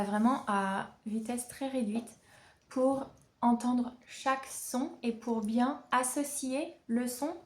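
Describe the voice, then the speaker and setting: Woman, casual vlog, fairly high voice, chatty, self-mocking, camera mic at home. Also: darkish tone. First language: French. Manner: chatty, self-mocking, sounds out syllables slowly. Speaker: language-learning vlogger.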